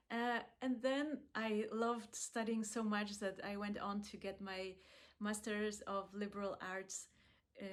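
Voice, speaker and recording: A woman from Poland who leads accessibility work, giving a calm, measured talk in a pre-recorded video with frequent small pauses. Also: medium pitch. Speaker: accessibility program lead.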